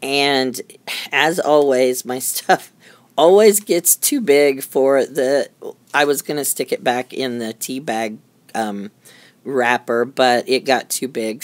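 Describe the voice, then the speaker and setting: A woman's voice: very deep voice, no room sound. A middle-aged woman giving a casual, chatty show-and-tell of her handmade crafts, rambling and easily amused. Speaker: craft maker showing handmade journals. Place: indoors at a craft desk.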